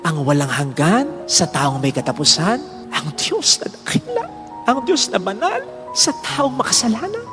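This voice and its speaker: Animated priest preaching in a hall. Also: male voice, high-pitched, a little slow, music in the background. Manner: animated preaching, mixing English quotes, acting out quoted voices. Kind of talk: sermon.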